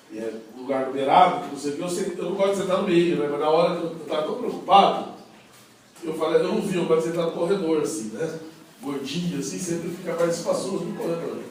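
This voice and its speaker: Man telling a story in an echoey hall. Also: fairly high pitch. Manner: animated anecdotal storytelling with frequent "né?". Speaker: minister giving a talk. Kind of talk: storytelling talk to a youth audience. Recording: distant echoey room recording with faint noise.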